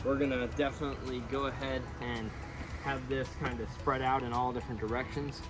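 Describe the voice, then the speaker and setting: Speaking a little fast in a mid-range voice that barely moves in pitch, a man hosts an outdoor project video. He walks viewers informally and upbeatly through a backyard pond construction site. Traffic and ambient noise are audible throughout.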